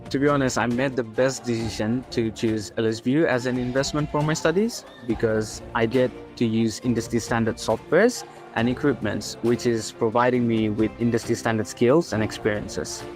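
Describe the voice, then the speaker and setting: A man's voice: mid-range voice, normal speed, over music. A male student giving an earnest promotional testimonial with formal phrasing.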